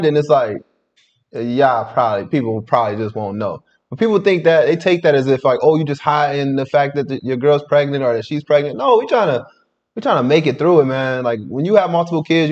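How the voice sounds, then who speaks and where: A man co-hosting a podcast, reacting in casual chat, rambling with lots of "like" and restarts. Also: mid-range voice. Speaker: podcast co-host. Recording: dull, muffled audio.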